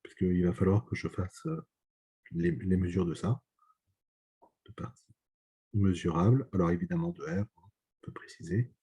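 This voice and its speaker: A man's voice: low-pitched, animated, moderate pace, long pauses, dark tone, husky. A man giving a mathematics lecture, hesitant and full of fillers, often checking that students follow. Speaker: math lecturer. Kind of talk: online lecture.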